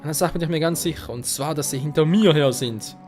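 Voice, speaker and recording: A man's voice: a little high, brisk, a little mellow, soft background music, natural voice. A man voicing an earnest young man, a wounded pegasus rider, reading game dialogue aloud in a let's play. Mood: urgent.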